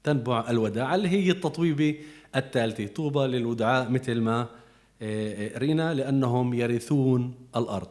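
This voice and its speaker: A man's voice: mid-range voice, quick pace, a little mellow. A man with a Levantine Arabic accent, giving a conversational Bible teaching as a preacher, explaining patiently and repeating key words.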